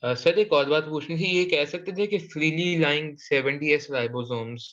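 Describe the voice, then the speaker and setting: A man's voice: on the high side, measured pace, fairly bright tone, highs cut off. A male student politely asking his teacher tentative questions during an online class.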